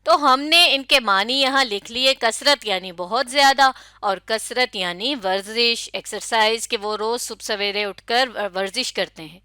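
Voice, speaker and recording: A woman's voice: fairly high pitch, few pauses, bright, forceful tone, smooth, no echo, clean studio sound. A woman with a Pakistani Urdu accent giving a classroom lecture, asking questions, confirming answers and spelling words letter by letter. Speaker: teacher.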